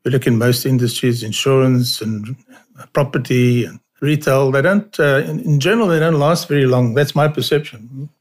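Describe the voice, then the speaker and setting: A man's voice: medium pitch, normal speed. A man hosting an interview, asking questions conversationally and backing the guest with frequent murmurs of agreement. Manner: conversational, frequent mm-hmm backchannels. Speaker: interview host. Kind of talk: podcast interview.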